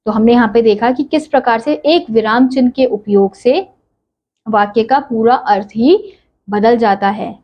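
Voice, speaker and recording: A woman's voice: fairly high pitch, measured pace, dull audio. A woman teacher giving a classroom lesson, patiently explaining step by step and asking questions she then answers herself.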